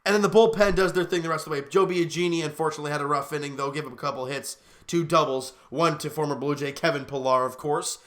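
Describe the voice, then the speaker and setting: A man hosting a sports podcast, recapping a baseball game in a casual, excitable and rambling way, often stopping to correct himself. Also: on the high side, fast, few pauses.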